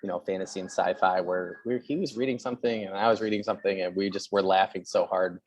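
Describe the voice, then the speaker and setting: A man's voice: low voice, fairly even intonation, fast, no room sound. A man hosting a podcast, talking eagerly in a casual chat with lots of "yeah" and "you know". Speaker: podcast host.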